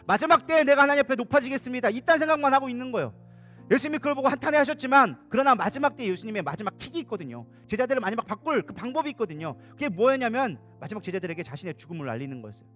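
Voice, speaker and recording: A male pastor preaches in a church with a strikingly high, animated voice that leaps up and down as he tells the story. He talks fast and casually, slipping into the voices of the people in it. Faint instrumental music plays behind him. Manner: colloquial storytelling, acting out quoted dialogue. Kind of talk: sermon. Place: church sanctuary.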